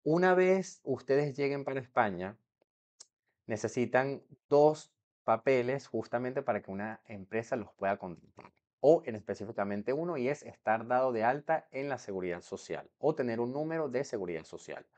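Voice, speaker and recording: A man's voice: mid-range voice, expressive, moderate pace, a little mellow. A young man from Venezuela explaining to camera how he moved abroad, in a chatty way that keeps checking in with the viewer. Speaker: vlogger.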